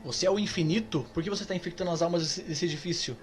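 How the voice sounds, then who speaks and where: A man's voice: high-pitched, racing, soft background music, lightly acted. A man voicing a determined hero who confronts a cult, reading his lines in an earnest, urgent way during a game playthrough.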